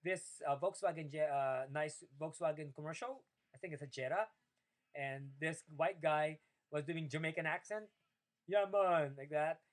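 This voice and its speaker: A man's voice: normal speed, low-quality recording. Rambling Filipino man, video diary. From Philippines. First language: Tagalog. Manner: rambling, many fillers and restarts, rises in pitch when opinionated. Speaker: video diarist. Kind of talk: casual personal video diary.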